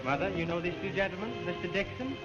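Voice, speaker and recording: A man's voice: high-pitched, fast talker. An actor playing an earnest, worried young man, speaking eagerly, in early talkie film sound. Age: young adult. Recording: dull 1920s film soundtrack with music.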